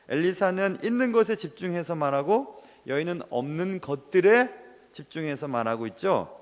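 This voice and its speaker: A man's voice: a little high, long reverb tail. A man preaching a sermon as pastor, earnest and emotional.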